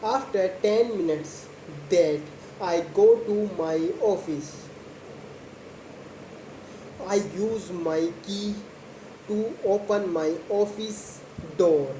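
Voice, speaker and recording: A young woman, not a native English speaker, talking very slowly and deliberately in short simple phrases as a practice monologue for learners. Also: mid-range voice, mellow. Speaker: host of a slow English speaking practice video. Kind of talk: slow spoken monologue about a daily routine for English learners. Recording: echoey room with faint background noise.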